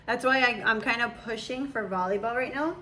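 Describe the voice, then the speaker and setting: A young woman who is a mother chats casually, rambling as she lays out her view and laughing often. Her voice is on the high side, bright and pushed, and a little fast, with a slight hiss or hum in the recording.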